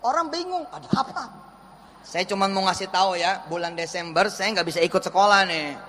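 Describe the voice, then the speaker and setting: Male preacher, high voice, animated and coaxing, slangy sermon, reverberant hall, faint background noise. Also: fairly quick. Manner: animated, coaxing, slangy, acts out little scenes. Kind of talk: lively motivational sermon to a crowd.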